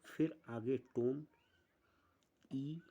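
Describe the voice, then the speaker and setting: A man teaching an online music lesson, explaining step by step with pauses. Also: medium pitch, dark tone.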